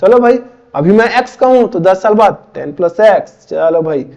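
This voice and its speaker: A man in his twenties from Chhattisgarh, India, casually teaches board exam maths step by step, often posing questions and answering them himself. His voice is high with lively intonation at a moderate pace, a little mellow, with the highs cut off.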